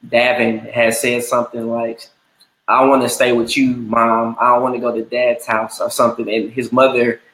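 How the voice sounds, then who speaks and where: A man's voice: mid-range voice, a bit bright. Earnest man of thirty in a roomy space. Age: 30s. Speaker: interview guest. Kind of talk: conversational interview. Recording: roomy echo.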